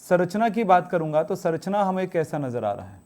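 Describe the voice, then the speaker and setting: A man's voice: high-pitched, big pitch swings, brisk, darkish tone. A man teaching a chemistry class, asking his students questions and answering them himself, strict about homework. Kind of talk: classroom lecture.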